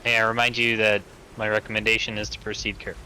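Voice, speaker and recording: A man's voice: lowish voice, completely flat delivery, fast talker, pushed and bright, slight background noise, rough recording. A man playing a tabletop game, cautious and a little hesitant as he speaks. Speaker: player. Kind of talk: casual tabletop play.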